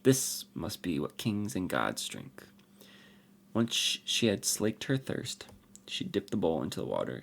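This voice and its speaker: A man, a podcast host, narrating a fantasy story in an expressive, unhurried way. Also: very deep voice, vocal fry, a little hiss or hum.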